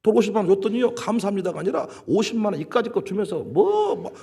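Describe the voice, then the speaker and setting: A pastor acting out a grumbling church lay leader who complains about a demanding member in a rapid, exasperated voice. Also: male voice, high-pitched, animated, creaky, dark tone, husky, exaggerated voice. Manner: exasperated, rapid listing of grievances.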